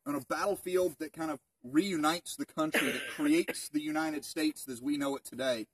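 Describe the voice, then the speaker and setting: Fairly high-pitched and slightly rough, this thirties-aged man's voice keeps a fairly even intonation and moderate pace. He's a park ranger giving a group a casual, question-filled history talk outdoors in open woods. The audio comes from a distant outdoor mic on a camera a few metres away.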